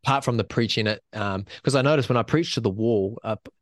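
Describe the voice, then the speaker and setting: A man's voice: medium pitch, quick pace, dry recording, studio quality. A man, a podcast guest talking in an earnest, laid-back way with matey slang. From New Zealand. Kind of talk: casual chat.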